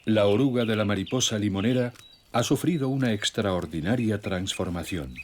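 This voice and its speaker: Low-voiced man narrating a nature documentary. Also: moderate pace, slight background noise. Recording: music bed with nature sounds. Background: music, birdsong and nature sounds.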